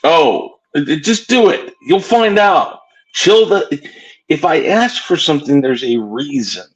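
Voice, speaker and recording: A man's voice: a little high, animated, unhurried, slightly rough, rough recording. A man casually hosting an online round table, steering the chat between guests.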